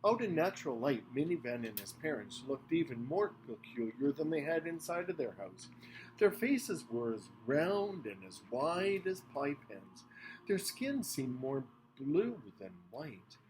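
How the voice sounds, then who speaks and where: Animated man reading a storybook. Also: on the high side, measured pace, slight background noise. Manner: animated, expressive narration. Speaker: reader.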